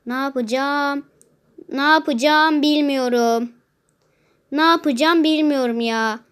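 A woman's voice: sits high, slow pace. A woman chatting casually while playing a mobile puzzle game, complaining about hard levels and humming to herself. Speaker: gameplay streamer. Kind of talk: casual gameplay commentary.

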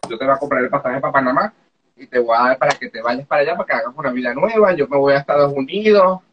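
A woman from Venezuela with a Venezuelan accent, telling her own story in casual chat, animated, laughing often and acting out the dialogue. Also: extremely low pitch, rapid-fire, dull audio, slight background noise. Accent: Venezuelan Spanish.

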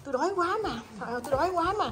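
A woman's voice: very high voice, lively intonation, rapid-fire, crowd noise. A woman voicing a hungry pet that begs and complains, in a plaintive, repetitive way. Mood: whiny. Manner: plaintive, complaining, repeating itself. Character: hungry whiny pet begging for food. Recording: loud background noise.

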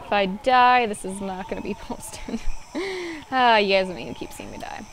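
A woman's voice: mid-range voice, moderate pace. A woman giving casual, playful commentary on her own gameplay, swearing often and slipping into a sing-song voice. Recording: loud game noise behind.

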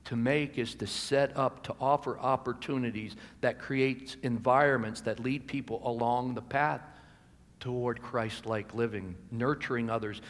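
A pastor, an American man in his sixties, gives a sermon with a medium-pitched voice, measured and deliberate. He pauses for emphasis and lets phrases drop gently, speaking at the pulpit into a gooseneck mic with amplified sound filling the reverberant hall.

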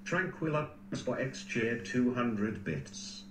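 A synthetic man's voice of middling pitch reads stream alerts at a slow pace. It echoes in the room with faint noise behind it. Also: big pitch swings. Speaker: donation alert text-to-speech voice. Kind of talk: flat read-out of stream messages.

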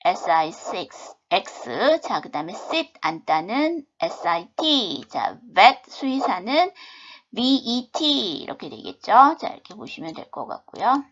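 Lively-pitched woman teaching English phonics. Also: slow. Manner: patient, spells words letter by letter. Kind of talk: phonics lesson for beginners. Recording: dull lo-fi video-class audio.

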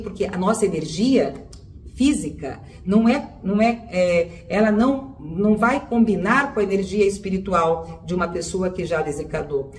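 A woman's voice: medium pitch, a little mellow. Woman giving spiritual advice in an echoey room. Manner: conversational, repeats phrases, often addresses listeners directly. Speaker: holistic therapist. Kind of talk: spiritual advice talk to viewers. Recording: roomy echo, voice a bit far from the mic, faint background noise.

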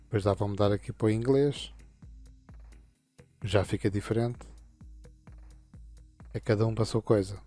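A man's voice: lowish voice, fairly even intonation, mellow, soft background music. A man, casually walking viewers through settings in a screen-recorded tutorial, meandering and restarting his sentences. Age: 50s. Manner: meandering, halting explanations with frequent restarts. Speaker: gaming channel host.

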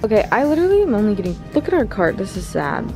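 A woman's voice: medium pitch, huge pitch swings, fairly quick, over music. A young woman in her twenties filming a casual shopping vlog in a large store, chatty and upbeat. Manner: chatty, upbeat, laughs often. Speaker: vlogger. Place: large retail store, indoors.

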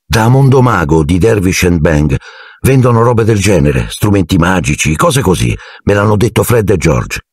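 Narrator playing a careless teen schoolboy wizard, offhand, dreamy, husky voice, lively delivery, storybook audiobook. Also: male voice, sits low, moderate pace, dry recording, clean studio sound, heavily acted. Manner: offhand and dreamy about sweets.

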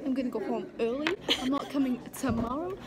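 Giggly high-voiced teen girl, crowded school. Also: fairly quick. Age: teens. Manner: giggly, chatty. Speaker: student friend. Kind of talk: casual chat with a friend. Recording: loud crowd chatter behind.

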